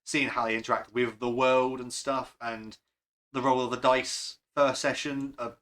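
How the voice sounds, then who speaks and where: Bright-voiced man chatting about game prep. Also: mid-range voice, little pitch movement, normal speed. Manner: rambling, self-deprecating, laughs often. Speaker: game master. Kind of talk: casual podcast chat.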